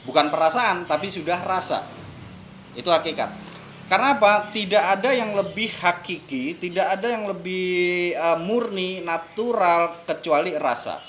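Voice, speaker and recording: An Indonesian man talks through spiritual ideas in an easy, explanatory manner, reaching for homely examples. His voice sits a little high for a man. A faint noise floor hums beneath the conversation. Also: normal speed. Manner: explanatory, uses everyday examples, relaxed and joking. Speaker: guest speaking on Sufism. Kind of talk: casual podcast conversation, explaining religion.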